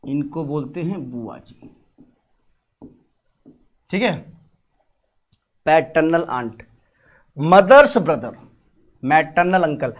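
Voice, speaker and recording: A man teaching an exam-prep class, repeating key terms and answering his own questions. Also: fairly high pitch. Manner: talks while writing on a board. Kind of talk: online exam-prep lesson.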